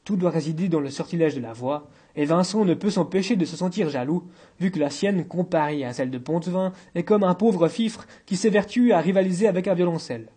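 A man narrating an audiobook in a measured, literary reading. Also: sits high, mellow, husky.

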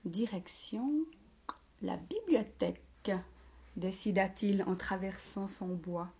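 A woman reading a picture book aloud to listeners in an expressive way, dropping now and then to whispered asides. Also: medium pitch, slow, slightly rough.

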